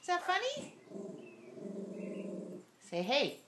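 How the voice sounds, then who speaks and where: A woman talking baby talk to her pet bird in a coaxing, sing-song way at home, in an echoey room with loud noise. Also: extremely high pitch, wildly swooping pitch, slow pace. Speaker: pet owner. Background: dogs barking.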